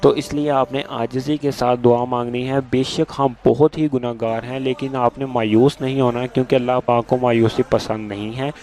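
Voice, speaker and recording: A man patiently giving step-by-step religious instructions to viewers, repeating each step and reciting prayers slowly. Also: mid-range voice, steady tone, darkish tone, slight background noise. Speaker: religious video host.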